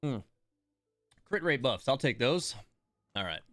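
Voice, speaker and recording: Faint music plays behind a man casually narrating his own gameplay on a livestream he hosts, musing over each choice. His medium-pitched voice is sing-song, unhurried and fairly bright, recorded in clean studio sound with no echo.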